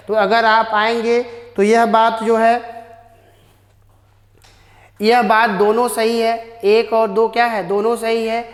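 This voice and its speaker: A woman teacher explains exam answers in a rather high, flat voice. She reads the English questions slowly, then moves on. The room is echoey, with a long reverb tail.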